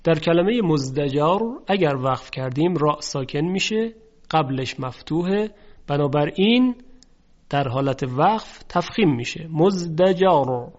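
A man teaching the rules of Quran recitation. He explains each rule step by step, asks questions and answers them himself, and slows down to recite verses. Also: a little high, expressive. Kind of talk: tajweed lesson, explaining and reciting. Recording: dull lo-fi recording.

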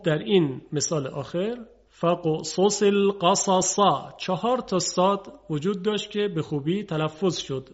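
A man teaching pronunciation in a broadcast lesson, patiently drawing out example words slowly for contrast. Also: fairly high pitch, a little mellow, dull audio.

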